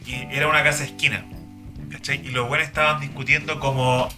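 Man, Chilean accent, slangy casual storyteller, mid-pitched voice, music playing behind. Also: little pitch movement, fast. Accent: Chilean Spanish. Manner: slangy, full of fillers and repeated tags. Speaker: guest, driver.

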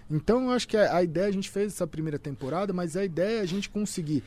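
A man's voice: sits high, fast, a loud crowd. A young man, chatting casually as a podcast guest in loose full of fillers. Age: young adult. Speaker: content creator, podcast guest. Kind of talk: casual chat.

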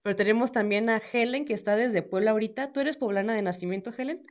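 A woman's voice: on the high side, quick pace, darkish tone. A woman from northern Mexico with a northern Mexican accent, hosting a casual food podcast in a bubbly, chatty way with many fillers. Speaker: podcast host.

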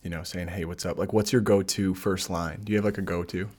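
A man's voice: low voice, little pitch movement, fast talker, a little mellow. A young man hosting a casual podcast chat, joking and teasing his guest and laughing often. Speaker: podcast host.

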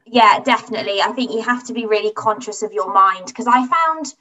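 A woman's voice: mid-range voice, lively intonation, a little fast, sharp tone, recorded from a distance, muffled recording. Candid woman guest, off-mic. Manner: candid and reflective, voices her past thoughts. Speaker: interview guest. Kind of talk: conversational interview.

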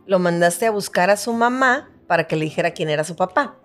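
A woman hosting a casual interview chat, joking and reacting quickly. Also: lowish voice, animated, faint music behind. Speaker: podcast host.

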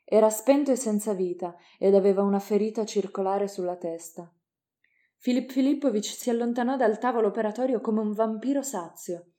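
A woman narrating an audiobook in a measured, dramatic reading. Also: medium pitch, mellow.

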